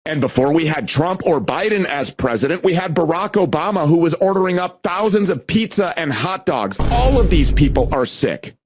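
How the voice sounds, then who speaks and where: A man's voice: fairly high pitch, expressive, normal speed, few pauses, faint music behind. A man giving indignant, emphatic political commentary.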